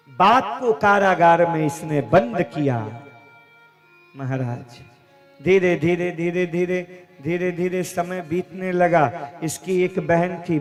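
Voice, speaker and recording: A man telling a devotional story as a sermon, slowly and dramatically, acting out the dialogue. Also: a little high. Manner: slow, dramatic retelling with acted dialogue. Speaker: kathavachak, religious storyteller. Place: religious gathering, live event.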